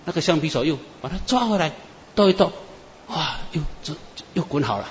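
A man preacher, telling dream testimonies in an animated storytelling sermon. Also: fairly high pitch, fairly quick, slight background noise. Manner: animated storyteller, many "啊" and "哈" tags. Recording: echoey muffled hall with faint ambience.

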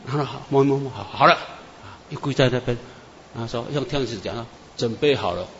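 A man preacher, telling dream testimonies in an animated storytelling sermon. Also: mid-range voice, fast talker, a little hiss or hum. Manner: animated storyteller, many "啊" and "哈" tags. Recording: echoey muffled hall with faint ambience.

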